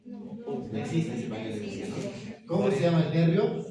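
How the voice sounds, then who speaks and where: A man's voice: a little high, very animated, a crowd in the background. A man teaching an anatomy class, firing questions at students and confirming their answers with "correct, very good". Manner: asks quick questions and confirms answers with "correcto, muy bien". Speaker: anatomy lecturer. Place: lecture room with students. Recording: very echoey room, distant mic, students audible. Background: students murmuring answers.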